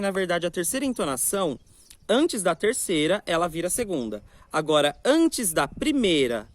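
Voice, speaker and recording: A man teaching a Mandarin lesson, drawing out example words slowly between explanations. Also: sits high, slight background noise. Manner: slow, drawn-out demonstration of Mandarin tones between Portuguese explanations. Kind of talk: language lesson, reading vocabulary examples.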